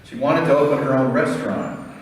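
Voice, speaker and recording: A middle-aged American man delivers a prepared eulogy as a son, in a solemn, measured storytelling manner. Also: medium pitch, fairly even intonation. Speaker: son giving a eulogy for his father. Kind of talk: prepared memorial speech. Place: large reverberant room. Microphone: distant microphone. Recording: echoey hall, distant mic, faint noise.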